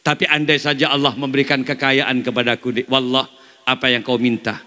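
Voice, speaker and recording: A male preacher voicing a poor husband who gently coaxes his angry wife. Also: steady tone, moderate pace, long reverb tail. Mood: coaxing. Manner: soft, coaxing, lower-voiced.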